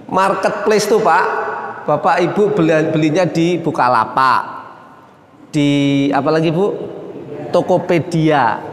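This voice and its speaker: A middle-aged man preaching at a mosque study session in a chatty style, often calling out to the audience and laughing. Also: on the high side. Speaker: Islamic preacher. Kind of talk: lively mosque study talk. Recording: roomy, reverberant mosque hall.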